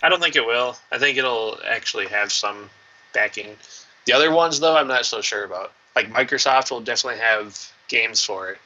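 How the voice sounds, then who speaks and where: A man's voice: mid-range voice, a little fast, pushed and bright, lo-fi sound. A young man co-hosting a casual gaming stream, giving short replies and laughing often. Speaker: co-host. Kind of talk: casual live-stream chat.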